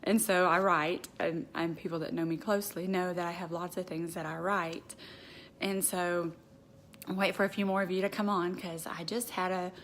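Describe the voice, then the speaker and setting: A woman's voice: lowish voice, level tone, moderate pace, a bit bright, slight background noise. A woman talking casually and earnestly to her viewers on a live stream, confiding her thoughts and reading a heartfelt prayer aloud. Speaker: faith vlogger. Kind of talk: casual devotional talk to viewers.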